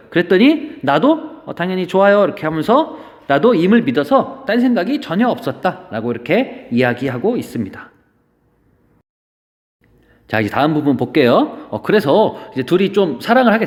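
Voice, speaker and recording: A man's voice: high-pitched, long reverb tail. A male literature teacher giving a lesson, explaining an old poem through playful, casual modern paraphrases. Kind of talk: classroom-style lecture.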